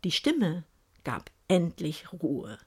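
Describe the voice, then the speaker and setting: Unhurried woman reading a story aloud. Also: on the low side, huge pitch swings, a little mellow, slightly rough. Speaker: narrator. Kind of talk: first-person story reading.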